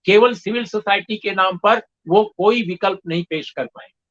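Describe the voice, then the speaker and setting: A man speaking as a guest in a discussion, measured and emphatic, pausing often with fillers as he builds his argument. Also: high-pitched, a bit bright. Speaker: guest commentator. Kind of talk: discussion interview. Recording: dull lo-fi sound.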